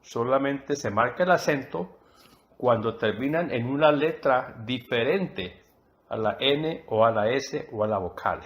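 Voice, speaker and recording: Guy teaching a spanish class, talks real slow and careful, mid pitch, keeps repeating the key words. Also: animated, highs cut off. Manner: deliberate, repeats key terms for emphasis. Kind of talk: slow explanatory lesson.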